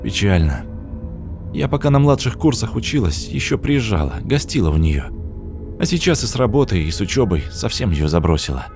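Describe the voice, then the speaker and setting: A man's voice: on the low side, sing-song, fairly quick, darkish tone, soft background music. A man voicing a sad young woman. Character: sad young woman visiting her late grandmother's house.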